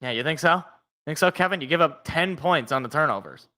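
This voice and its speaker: Young man in his twenties, bright forceful voice, a bit high, live sports reaction, self-deprecating jokes. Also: animated, fairly quick. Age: 20s. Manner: joking, self-deprecating, chatting with viewers. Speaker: sports podcast co-host. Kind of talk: live game reaction and play-by-play.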